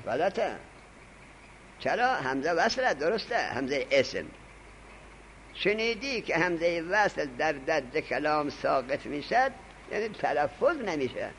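A man lecturing a grammar class in a lively, swooping voice that sits a bit high for a man. He stresses points hard and stops to dictate notes to his students. Faint noise hangs under the recording. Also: creaky, rough recording. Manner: animated, emphatic teaching with dictation to students. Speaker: Arabic grammar teacher.

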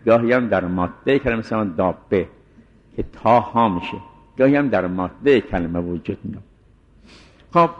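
A man teaching the rules of pausing in recitation, explaining step by step and slowly chanting verse examples. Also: lowish voice, big-room sound, lo-fi sound. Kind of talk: spoken lesson.

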